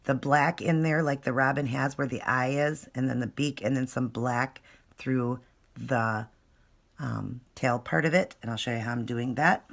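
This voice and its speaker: A woman's voice: extremely low pitch, measured pace, vocal fry. A woman giving a casual step-by-step craft tutorial, talking informally and thinking aloud as she works. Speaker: nail art tutorial presenter. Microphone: phone. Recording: noisy home phone recording.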